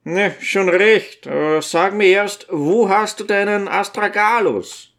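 A man's voice: high voice, slow pace, a bit bright, pitched above the performer's own voice, full character voice. Man doing a sly, mocking doctor. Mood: teasing. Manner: teasing, mocking. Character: mocking male town doctor, sly and teasing.

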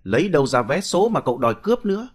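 A man voicing a hoarse, desperate blind old man. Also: mid-range voice, very animated, fast. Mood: aggrieved. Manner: pleading then screaming for help. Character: elderly blind male lottery seller, wronged and desperate.

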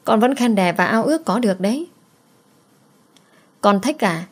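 A woman voicing a grieving young mother who gently coaxes her daughter. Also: medium pitch, lively intonation, moderate pace, lightly acted. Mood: coaxing.

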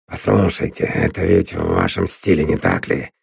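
A man reading an audiobook, voicing a gruff, sneering middle-aged male blackmailer who growls his threats. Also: very deep voice, big pitch swings, normal speed, no echo, studio quality, voice pushed down, full character voice. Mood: menacing. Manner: growling, bullying.

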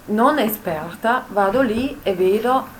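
Halting, modest woman. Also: a little high, expressive. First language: not a native Italian speaker. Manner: halting, self-correcting, modest. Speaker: book co-author speaking at a presentation. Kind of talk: informal public talk. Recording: faint ambient room noise.

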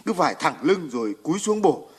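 A husky, modest militiaman. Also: on the high side, big pitch swings, brisk. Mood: explaining. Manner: explaining plainly, easygoing. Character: resourceful male militiaman, modest. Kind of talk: radio drama acting.

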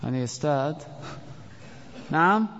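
A man teaching an Arabic grammar lesson in a classroom, quizzing his students and reciting verse slowly. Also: fairly high pitch, expressive, a bit bright, slight background noise. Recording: dull lo-fi audio with long hall reverb.

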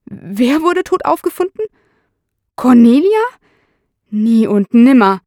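A woman's voice: medium pitch, animated, a little slow, a little mellow, no echo, clean studio sound, close to an everyday voice. A woman reading the part of a defensive young male suspect who turns agitated and stammers in shock. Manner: agitated, stammering, rising in panic.

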